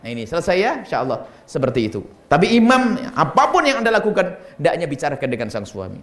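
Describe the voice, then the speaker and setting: A male preacher giving a sermon to a congregation, animated and acting out little dialogues between husbands and wives. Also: fairly high pitch, fast talker, reverberant. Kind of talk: sermon answering questions.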